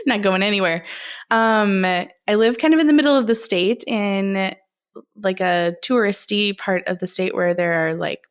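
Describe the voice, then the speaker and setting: A woman's voice: medium pitch, a little slow, smooth. Playful Minnesotan woman podcast host. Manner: playful, laughs often, teasing. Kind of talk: casual chat among friends.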